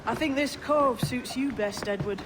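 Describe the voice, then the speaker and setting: A woman's voice: a little high, moderate pace, music in the background, lightly acted. A woman playing a shrewd, teasing young pirate in a video game. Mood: knowing, teasing. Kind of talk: video game character acting.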